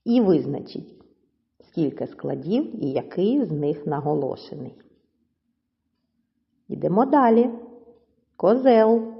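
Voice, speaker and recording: Slow, low-voiced woman teaching children. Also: big pitch swings, vocal fry, big-room sound, highs cut off. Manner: patient, stretches words out syllable by syllable. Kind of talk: lesson for young children.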